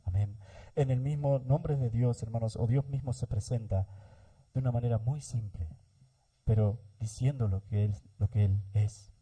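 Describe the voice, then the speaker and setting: A man preaching a sermon as pastor, explaining slowly with pauses and restarts, often addressing his listeners as brothers and adding amens. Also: mid-range voice, warm tone, slightly rough.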